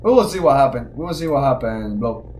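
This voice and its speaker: Excitable man chatting on stream. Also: medium pitch, fast, a little hiss or hum. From Cuba. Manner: excitable, slangy, calls viewers bro. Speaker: live streamer. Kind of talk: casual live-stream chat.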